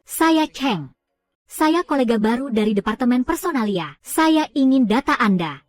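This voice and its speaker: High-voiced woman reading a film recap. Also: expressive, normal speed, faint music behind.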